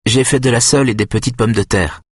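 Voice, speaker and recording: A male audiobook reader voicing a composed young woman archaeologist, his pitch gently raised and his delivery soft-spoken. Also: a little fast, husky, no room sound, studio quality, natural voice. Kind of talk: audiobook reading.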